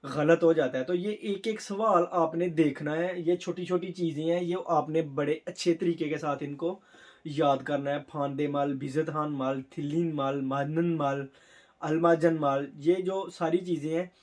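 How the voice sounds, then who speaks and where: A man whose first language is Urdu, teaching a Korean test in a casual way, explaining step by step and sounding out words slowly. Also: on the high side, fairly even intonation, a little mellow. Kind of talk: casual spoken lesson.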